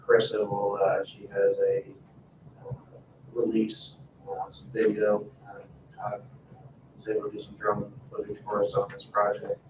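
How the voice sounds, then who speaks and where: A town staff member with a lowish, monotone voice presents agenda items informally at a council meeting, somewhat halting. He's picked up by a distant room mic in an echoey indoor meeting room, with faint background noise.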